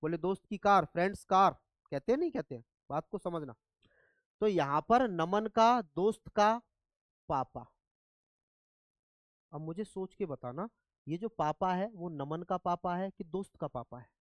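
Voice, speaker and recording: A man's voice: sits high, expressive, normal speed, a bit bright, dry recording. Man teaching grammar, very dry sound. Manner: asks students repeatedly if they follow. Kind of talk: classroom lecture.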